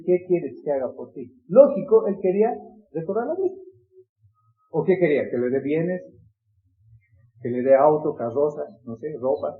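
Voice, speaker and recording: A man with a fairly high, mellow voice, preaching in earnest and repeating himself as he pleads. The recording is dull and lo-fi. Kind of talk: sermon.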